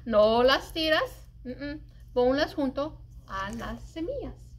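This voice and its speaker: The library storyteller here is a middle-aged woman whose voice is high-pitched, and she reads a picture book to children indoors in the children's room. Each emphasized word gets drawn out in her expressive, deliberate reading. A light hum of room noise stays in the background.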